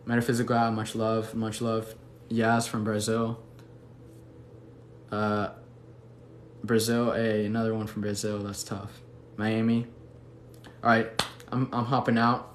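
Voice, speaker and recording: Slow and frequently pausing, a young livestream host from Mexico City, later based in the US, speaks with a fairly low pitch and a completely flat delivery. He is laid-back, affectionate and full of slang as he goes through viewer comments. The room is echoey with faint background noise.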